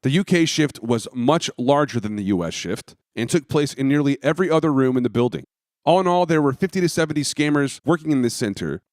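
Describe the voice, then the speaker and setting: A man's voice: medium pitch, lively intonation, a little fast, darkish tone, no echo, studio quality. A man hosting and narrating an investigative documentary in a scripted style.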